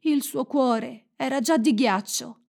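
A woman voicing a brave, tearful young girl in a storybook, high and pleading. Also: slow pace, gravelly, darkish tone, full character voice. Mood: eager.

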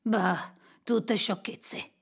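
A woman's voice: mid-range voice, fairly even intonation, very slow, gravelly, husky, full character voice. A woman voicing a miserly, grumpy old man who scorns everyone. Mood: scornful. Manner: sharp, scornful.

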